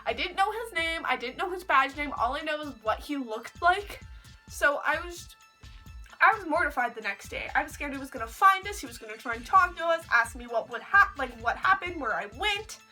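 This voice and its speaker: A young woman, telling a story to camera in a chatty, animated way and saying "like" a lot. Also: sits high, moderate pace, soft background music, rough recording. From Canada. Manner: chatty, heavy use of "like", animated retelling. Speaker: vlogger. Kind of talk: casual storytelling.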